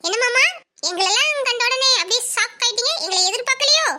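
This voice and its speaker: A cheeky young woman in a cartoon skit teases the men of the family nonstop, as a woman acts her out. Her voice is very high and bright, and a faint hiss sits underneath it. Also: expressive, fast talker, full character voice. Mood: teasing. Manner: teasing, chatty.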